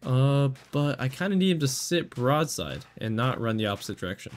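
Excitable man commenting on gameplay. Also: mid-range voice, normal speed. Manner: excitable, talks to himself while aiming. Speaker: gaming channel host.

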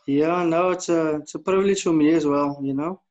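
A man's voice: fairly high pitch, steady tone, brisk, a little mellow. A man in his thirties with a South African accent, chatting casually as an interview guest over a slightly dull video call. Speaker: podcast guest, amateur drag racer. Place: indoor room, video call.

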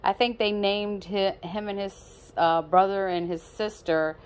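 A woman's voice: mid-range voice, fairly even intonation, unhurried, clear, resonant tone. A woman casually vlogging her pet cat at home on a phone, playful and repetitive as she talks fondly to him.

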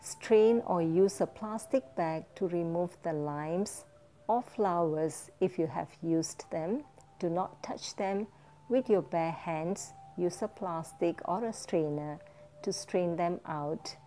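A woman teaching a guided foot-soak meditation, giving gentle step-by-step instructions. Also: fairly low pitch, slight background noise.

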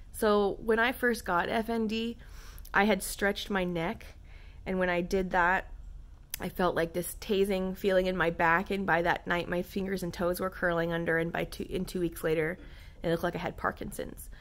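A young woman talks straight to her viewers in a loose, rambling way, full of "like" and "um". Her voice sits a little low for a woman, and she shares things openly and candidly. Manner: rambling, candid, frequent fillers. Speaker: vlogger talking to viewers. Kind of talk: casual chat to camera.

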